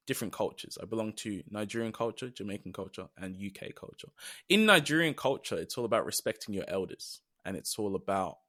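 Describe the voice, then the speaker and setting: This young British man's voice sits in the mid range and sounds a bit bright as he co-hosts a casual podcast. His talk is thoughtful and sincere, full of long trailing phrases.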